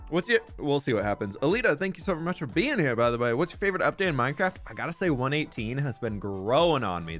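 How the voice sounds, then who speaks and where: A young man live-streams from a room at home while gaming, chatting casually and greeting viewers by name. His voice is medium-pitched and a bit bright.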